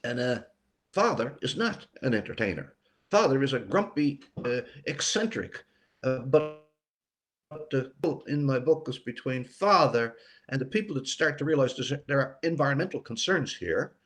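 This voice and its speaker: Speaking at a normal speed, this older Newfoundland man has a mid-range, animated voice with a slightly bright edge. He's an author and interview guest, chatting about writing in a loose, reflective, meandering way.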